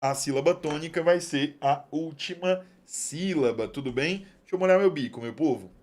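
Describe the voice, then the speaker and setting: A male teacher giving an online exam-prep lesson, chatty and affectionate, drawing out key terms slowly. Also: a little high, a little mellow.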